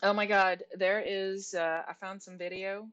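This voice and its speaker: A woman's voice: mid-range voice, level tone, unhurried, fairly bright tone, muffled recording. Chatty Cajun woman thinking aloud. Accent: Cajun Louisiana. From Louisiana. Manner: chatty, rambling, self-interrupting, laughs easily. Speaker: author and livestreamer. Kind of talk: casual think-aloud livestream. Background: faint music and keyboard typing.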